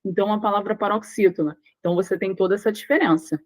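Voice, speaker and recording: A woman's voice: mid-range voice, steady tone, fast, darkish tone, poor audio. A young Brazilian woman teaching a Portuguese grammar lesson for exam prep. She works through each word step by step, leans on stressed syllables and keeps checking in with her students.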